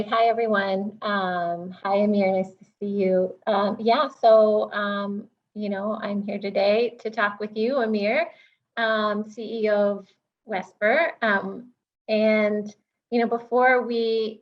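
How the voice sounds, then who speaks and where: A woman's voice: medium pitch, steady tone, slow pace. Woman running an interview, friendly, lots of ums, kinda muffled sound. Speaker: interviewer, director of research. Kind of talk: video call interview.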